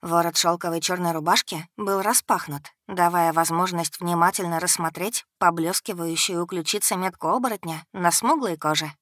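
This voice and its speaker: A woman narrating a first-person audiobook in an expressive, steady storytelling manner. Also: on the low side, normal speed, hardly any pauses, dry recording, clean studio sound.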